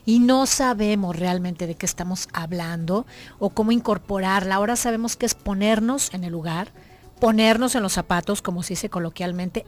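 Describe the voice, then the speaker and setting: A woman hosting a radio talk show in a conversational way, summing up what her guest has said. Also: medium pitch. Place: radio studio.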